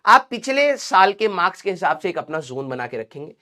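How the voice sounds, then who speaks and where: A man's voice: high voice, very animated, a little fast, pushed and bright. A male coaching teacher gives a motivational lecture to his students. He speaks directly and in a fatherly way, drilling the same points home again and again. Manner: fatherly and direct, calls students 'beta', repeats key points.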